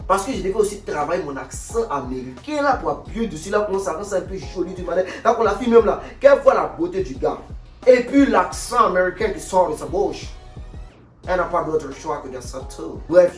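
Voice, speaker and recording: A young man tells a comic story time in an animated, exclamatory way. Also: fairly high pitch. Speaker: vlogger. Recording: echoey room, distant mic, faint music.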